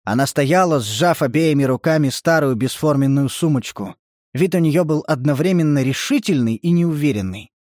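Literary prose is read aloud by a male audiobook narrator with a slightly higher-than-average voice for a man. His pace is measured and even, and the recording is dry and close, free of room sound.

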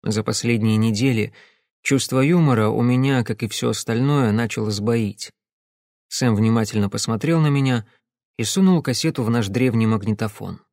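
A man's voice: medium pitch, moderate pace, a little mellow, no room sound. A man narrating an audiobook in the first person, in a dry, understated way.

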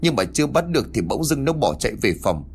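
A man voicing a frantic middle-aged village mother who stammers and pleads in a shrill voice. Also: sing-song, fast, vocal fry, a little hiss or hum. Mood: panicked.

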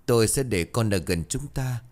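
A man voicing a heartbroken father who speaks quietly and wearily, trying to console his wife. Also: mid-range voice, animated, moderate pace, lightly acted. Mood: weary consoling. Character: heartbroken older father, subdued and steady.

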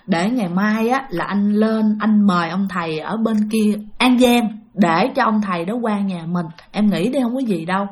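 A woman voicing a grandfather calmly reassuring his frightened wife. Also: medium pitch, normal speed, few pauses, lightly acted.

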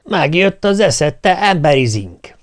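A man reading a folk tale, voicing a menacing old giant in slow, loud, drawn-out threats. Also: fairly high pitch, sing-song, dry recording, studio quality, pitched above the performer's own voice. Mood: threatening. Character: huge old male giant, menacing and boastful.

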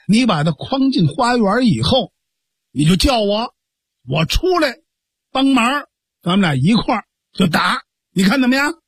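A man's voice: high-pitched, slightly rough, dry recording, heavily acted. A man voicing a righteous young man who scolds and coaxes his foolish sworn brother firmly. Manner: scolding, firm, measured.

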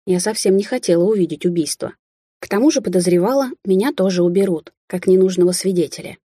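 A woman's voice: on the low side, fast talker, dark tone, husky, no room sound, clean studio sound. A woman narrating a fantasy audiobook in the first person.

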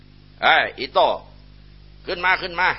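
A man voicing a boastful, rough older lay magician who shouts commands, on a muffled lo-fi recording. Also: medium pitch, lively intonation, moderate pace, voice pushed up, lightly acted. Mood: commanding.

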